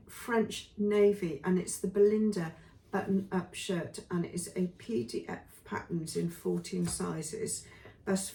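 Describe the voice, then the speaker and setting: Woman vlogger talking through sewing patterns, low and a bit hoarse, heard from across an echoey room. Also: a little mellow, recorded from a distance, a little hiss or hum. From England. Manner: chatty, many ums and trailing lists. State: losing her voice. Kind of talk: casual spoken review.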